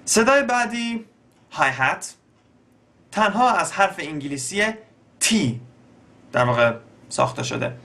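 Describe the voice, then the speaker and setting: A young man with an Iranian Persian accent, explaining beatbox basics in a relaxed spoken tutorial. His voice sits a little high for a man, and he often stops to search for words with frequent fillers. The talk is unhurried and stays step by step. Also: slight background noise. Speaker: beatbox teacher.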